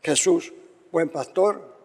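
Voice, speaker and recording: A man leading solemn liturgical prayer as a priest, measured and reverent, with cathedral echo. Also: a little high, a little mellow. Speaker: priest presiding at Mass. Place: large church, amplified.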